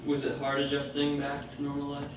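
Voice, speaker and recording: A man's voice: fairly high pitch, completely flat delivery, fairly quick. A man asking short questions as an interviewer. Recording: echoey, distant mic, faint noise.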